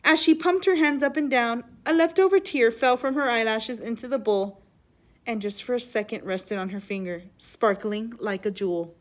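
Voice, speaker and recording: Reading a children's storybook aloud, a teacher uses an expressive, fairly high voice at an ordinary pace. She occasionally pauses the story to explain a point or ask the young listeners a question.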